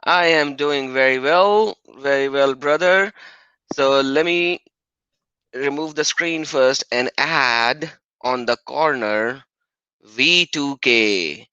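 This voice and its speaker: A man hosting a casual live stream, enthusiastic and quick to laugh. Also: medium pitch, bright, forceful tone, smooth, no echo. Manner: upbeat, enthusiastic, laughs often. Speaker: livestream host. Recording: dry, dull lo-fi stream audio.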